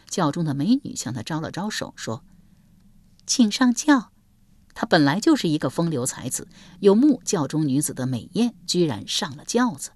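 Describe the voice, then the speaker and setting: A woman's voice: deep voice, no echo. A woman narrating a historical novel as an audiobook, telling it expressively. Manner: expressive storytelling.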